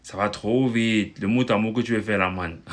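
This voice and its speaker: Animated man, lowish voice. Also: measured pace. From Cameroon. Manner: animated, repetitive, calls viewer brother. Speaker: language-learning vlogger. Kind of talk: casual direct-to-camera advice.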